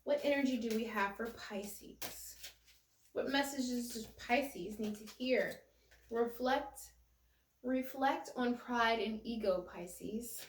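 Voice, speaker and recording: A woman's voice: on the high side, takes it slowly, far from the mic, slight background noise. Woman tarot reader in an echoey room. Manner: conversational, repeats and restarts phrases. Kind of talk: casual spiritual tarot reading.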